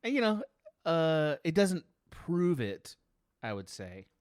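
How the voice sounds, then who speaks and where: A man's voice: on the high side, very animated, no room sound, studio quality. Reserved man in casual podcast conversation. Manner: reserved, measured, hedging. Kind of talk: casual film podcast chat.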